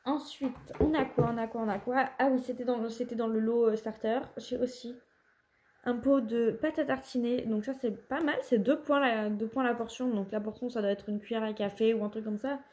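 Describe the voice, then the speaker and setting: Chatty woman vlogger with a warm voice. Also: on the high side, steady tone, brisk. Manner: chatty, rambling with self-corrections. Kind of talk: casual haul vlog.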